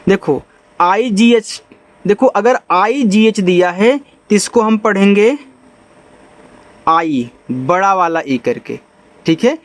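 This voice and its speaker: A man teaching English phonics in Hindi, spelling out letters slowly and asking his students questions as he explains each step. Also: high-pitched, lively intonation. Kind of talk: spoken phonics lesson.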